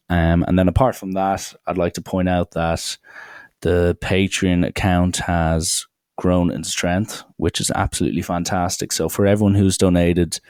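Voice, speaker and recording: A man's voice: low voice, darkish tone, clear, resonant tone, no echo, clean studio sound. A man hosting a podcast interview, talking in an earnest, rambling way with many fillers. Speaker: podcast host.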